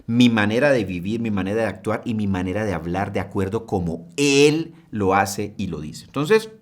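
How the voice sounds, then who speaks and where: A man's voice: lowish voice, animated, normal speed. A male preacher delivering a sermon, emphatic, full of rhetorical questions and frequent checks with the listeners.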